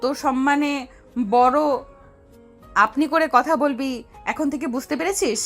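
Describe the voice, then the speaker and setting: A high-voiced, domineering older sister, played by a woman in an audio love-story drama. She scolds and gives orders in a commanding way, with soft music underneath. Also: normal speed. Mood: scolding. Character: bossy older sister, domineering, quick to anger.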